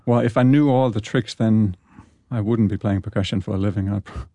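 A man speaks English in a low, mellow voice. He chats easily as an interview guest and often repeats words as he goes. The sound is close and dry. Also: a little fast, dry recording. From Denmark. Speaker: guest, orchestral percussionist. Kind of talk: casual radio interview chat.

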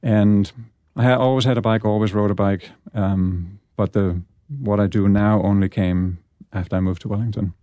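A man speaks English in a low, mellow voice. He chats easily as an interview guest and often repeats words as he goes. The sound is close and dry. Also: fairly even intonation, moderate pace, few pauses, no room sound. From Denmark. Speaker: guest, orchestral percussionist. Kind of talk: casual radio interview chat.

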